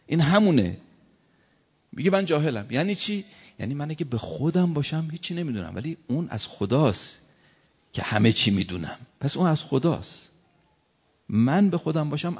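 A man preaching a sermon, his fairly low voice pressing each point with repeated short phrases that swell in force. The sound is dull and lo-fi, and long reverb trails behind every phrase. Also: creaky, darkish tone. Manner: preaching with rising emphatic repetitions. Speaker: cleric.

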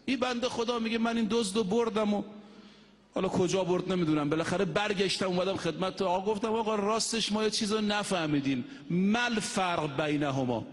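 A man preaches to a mosque congregation in a raised, high voice. He declaims steadily and slows right down whenever he intones a quotation. The sound rings with a long hall reverb. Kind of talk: mosque sermon.

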